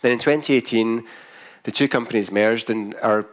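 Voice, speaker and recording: A man's voice: mid-range voice, normal speed. A man with a broad Scottish accent giving a business presentation as a company founder, speaking carefully so listeners can follow. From Scotland.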